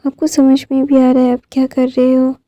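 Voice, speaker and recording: A woman's voice: high voice, monotone, moderate pace, dark tone, dry recording, lo-fi sound, natural voice. A woman voicing an upset, confused young man who keeps protesting.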